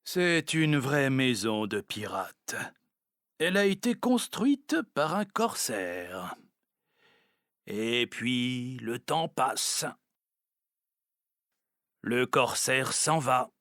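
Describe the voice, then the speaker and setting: A man narrating as a very old, proud and wry male house cat, reading slowly and clearly for beginners. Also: medium pitch, sing-song, a bit bright, dry recording, clean studio sound, heavily acted. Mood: storytelling. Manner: deliberate and clearly spoken.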